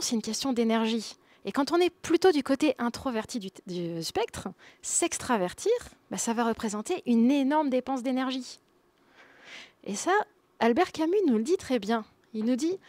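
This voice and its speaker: A woman's voice: a little high, dry recording. A woman in her thirties giving a conference talk, conversational, with quips and laughs for the audience. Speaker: conference speaker.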